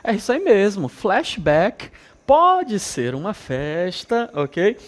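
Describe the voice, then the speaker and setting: A man from northern Brazil with a regional accent, teaching an English lesson to students and repeating words slowly with frequent check-ins. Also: high-pitched, wildly swooping pitch. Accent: northern Brazilian Portuguese. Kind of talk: televised school lesson.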